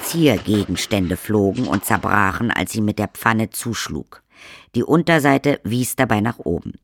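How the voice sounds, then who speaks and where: A man reading the narration of a fantasy audiobook in a measured storytelling manner. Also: on the low side, expressive, a bit bright, husky. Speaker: audiobook reader. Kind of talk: scripted narration.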